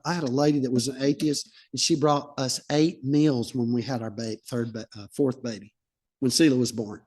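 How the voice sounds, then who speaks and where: A pastor preaching a sermon. He speaks in a slightly high voice and keeps it conversational. He tells stories and acts out short exchanges as he goes. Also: a little mellow.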